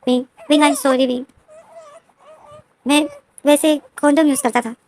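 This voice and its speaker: A possessive older brother, played by a woman storyteller murmurs soft apologies. He talks plainly and a bit high, with no real remorse in the delivery. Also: fairly even intonation, measured pace, slight background noise. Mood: apologetic.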